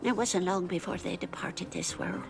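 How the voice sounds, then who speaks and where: A woman voicing a game character, a mother sadly recounting a family's tragedy in soft, sorrowful dialogue. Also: on the low side, moderate pace, music in the background, close to an everyday voice. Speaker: game character, a mother telling a sad story.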